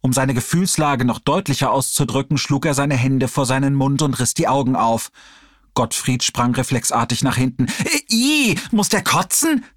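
A man reading an audiobook chapter aloud in a steady storytelling delivery. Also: mid-range voice, moderate pace, dry recording, clean studio sound. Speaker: audiobook reader. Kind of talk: audiobook narration.

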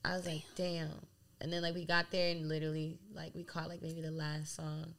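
In this interview, a young female DJ from Delaware chats casually as a guest at a moderate pace, her voice sitting low. She is lively and meandering, saying "like" constantly.

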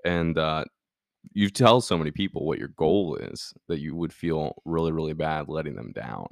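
A young man with a very deep, gravelly voice. He chats casually and in an easygoing way, often hedging what he says. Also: moderate pace, no echo, studio quality. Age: young adult. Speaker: podcast co-host. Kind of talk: casual chat.

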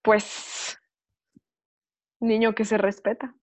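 A woman's voice: on the high side, little pitch movement, takes it slowly. A woman with a Mexican accent chatting casually and informally as a podcast guest, with plenty of slang, in a slightly lo-fi recording.

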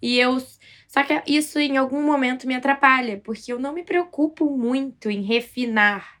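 A woman's voice: high-pitched, moderate pace, fairly bright tone. A Brazilian woman co-hosting a casual podcast, telling stories in a bold, self-mocking way. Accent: Brazilian Portuguese. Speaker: podcast co-host.

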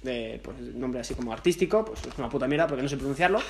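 A young man, co-hosting a podcast and running through a film's cast with relaxed, wry asides. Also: mid-range voice, fast talker, gravelly, a little hiss or hum. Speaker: podcast co-host. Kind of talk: casual chat.

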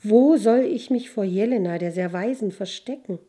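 A woman's voice: mid-range voice, normal speed, warm tone, husky, lightly acted. A woman reading aloud voices a young male soldier who pleads and laments. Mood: despairing.

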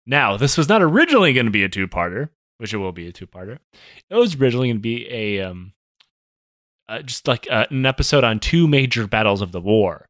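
A man's voice: medium pitch, very animated, fast talker, fairly bright tone, dry recording. A man co-hosting a casual history podcast, joking, swearing and rambling with lots of fillers. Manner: jokey, profane, rambling with many fillers. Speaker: podcast co-host.

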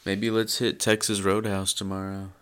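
A man's voice: sits low, little pitch movement, moderate pace, fairly bright tone, clean tone. A young man co-hosting a podcast, chatting in a laid-back, joking and profane way. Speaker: podcast co-host. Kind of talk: casual chat.

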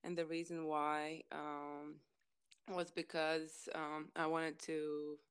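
Low, clear-voiced woman with a Latvian accent. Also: level tone, slow pace. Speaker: interview guest, former college basketball player. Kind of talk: casual interview chat.

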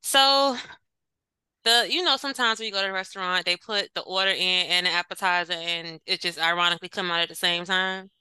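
Bright, clear-voiced woman telling stories. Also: lowish voice, fairly quick, no room sound. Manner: animated storyteller, laughs often. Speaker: podcast co-host. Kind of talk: casual chat.

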